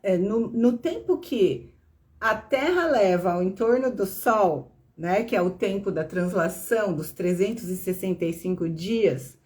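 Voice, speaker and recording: A woman's voice: mid-range voice, expressive, measured pace, a little mellow. A woman with a Brazilian Portuguese accent, a tarot reader and teacher who explains patiently on a live stream, often ending phrases with a questioning tag and greeting viewers by name. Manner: patient explaining, tags lines with "né?".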